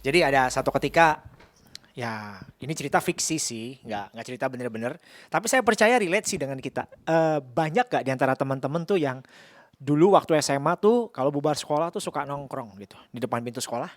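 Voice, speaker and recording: A man's voice: mid-range voice, lively intonation, brisk, no echo. A male preacher giving a casual, humorous sermon at a church service and often calling on the congregation to respond. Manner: chatty and humorous, calls on the congregation.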